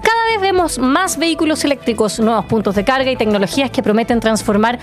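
A woman co-hosting a talk show, reading an intro and asking direct, lively questions. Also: a little high, quick pace, faint music behind. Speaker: radio show co-host. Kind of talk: news-like intro and interview questions.

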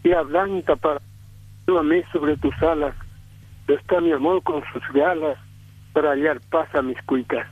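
A man joins a radio program by phone, his voice coming through a speakerphone. The line is narrow and tinny, with no room sound around it. He talks in a formal, unhurried way and pauses often as he goes. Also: a little high, fairly even intonation, no room sound. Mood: reciting. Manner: measured, formal delivery with hesitations. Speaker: radio contributor calling in. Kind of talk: on-air cultural segment and poetry recital.

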